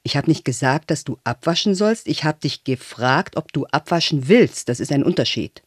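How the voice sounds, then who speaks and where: A man's voice: a little high, animated, normal speed, slightly rough, dry recording, studio quality. A man voicing a stern, pedantic father who lectures his son, in an audiobook reading. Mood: lecturing. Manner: nitpicking, lecturing. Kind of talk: audiobook character voice.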